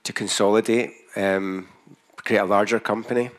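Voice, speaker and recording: A man's voice: lowish voice, fairly even intonation, moderate pace. A man with a broad Scottish accent giving a business presentation as a company founder, speaking carefully so listeners can follow. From Scotland.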